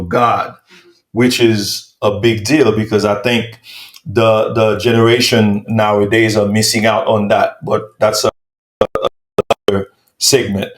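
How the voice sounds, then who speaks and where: A Haitian man hosts an interview, asking long, probing questions and often circling back to them. His voice is on the low side with fairly even intonation and a measured pace, and the recording has a roomy echo.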